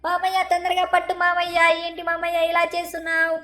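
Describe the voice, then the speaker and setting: A woman's voice: very high-pitched, monotone, fast talker, bright, forceful tone. A woman voicing a cheeky, whiny little boy who nags constantly and keeps calling for his uncle, in a fan-dubbed game parody. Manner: nags constantly, repeating 'uncle'.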